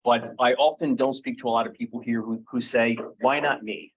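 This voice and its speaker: A stand-in emcee in a meeting room casually introduces the evening's speaker, his mid-range, steady, slightly rough voice running a little fast and full of fillers. The room recording is dull and lo-fi.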